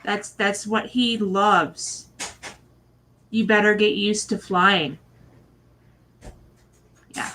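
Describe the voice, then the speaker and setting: Slow, bright-voiced woman chatting a recap. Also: mid-range voice, fairly even intonation, low-quality recording. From Michigan. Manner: chatty and rambling, with many fillers and asides. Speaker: reality show recap host. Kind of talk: casual spoken recap. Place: at home with her husband nearby.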